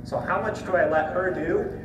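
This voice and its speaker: A man's voice: high-pitched, moderate pace. An American man with a folksy, plain-spoken manner, giving casual instruction as a horse trainer while he works. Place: live horse-trailer loading demonstration. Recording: distant, echoey, noisy live demo audio.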